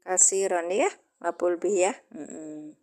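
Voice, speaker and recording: A woman's voice: fairly low pitch, slow, dark tone. A woman teaching Quranic Arabic grammar in a casual livestream, chatting with viewers' comments.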